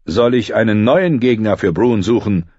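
A man's voice: fairly low pitch, animated, normal speed, dark tone, breathy edge, dry recording, lo-fi sound. A man voicing a respectful, formal tourney master in an audiobook reading. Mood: deferential. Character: deferential male tourney master.

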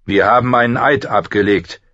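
A man's voice: lowish voice, moderate pace, bright, forceful tone, dry recording, lo-fi sound, pitched above the performer's own voice. A man reading aloud voices a proud old male knight of a royal guard, speaking in a solemn, defiant way.

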